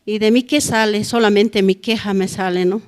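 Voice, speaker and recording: A woman's voice: medium pitch, steady tone, normal speed. A middle-aged woman gives a spoken testimony at a church prayer service, ending nearly every phrase with a questioning "no?". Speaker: church member giving testimony. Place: church hall.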